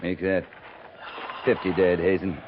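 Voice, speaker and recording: An actor playing a stern, laconic cavalry captain in a 1950s radio western, giving commands in a terse, grim manner. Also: male voice, low-pitched, level tone, a little slow. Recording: muffled 1950s radio transcription, faint hiss.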